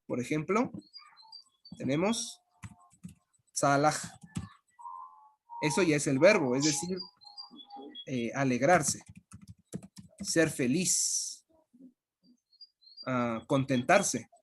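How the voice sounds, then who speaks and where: Slow, patient language teacher. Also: medium pitch, lively intonation, breathy edge. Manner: patient, repeats and spells out sounds slowly. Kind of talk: online language lesson.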